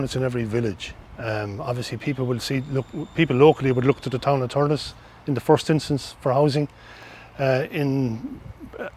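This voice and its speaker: Middle-aged man, Irish accent, earnest interview explanation, repeated phrases, mid-pitched voice, faint background noise. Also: a little mellow. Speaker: interviewee, social housing organisation representative.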